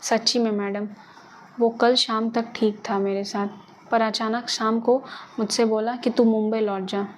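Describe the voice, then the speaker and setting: A woman's voice: on the high side, level tone, measured pace, a little hiss or hum, lightly acted. A woman voicing a frightened young woman who speaks in a shaky, pleading way. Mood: tearful. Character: frightened, tearful young woman murder suspect.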